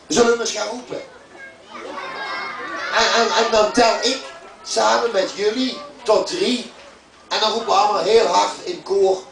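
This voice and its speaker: A man with a Dutch accent presenting to a crowd of children outdoors, lively and coaxing, often calling out loudly. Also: high-pitched, background noise. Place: outdoors at a railway station platform. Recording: roomy, distant, loud crowd and music.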